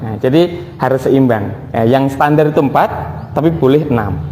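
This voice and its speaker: A man's voice: medium pitch, warm tone. Man teaching Quran recitation in a hall. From Indonesia. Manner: alternates drawn-out melodic recitation with brisk corrective explanation. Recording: hall reverb, faint room noise.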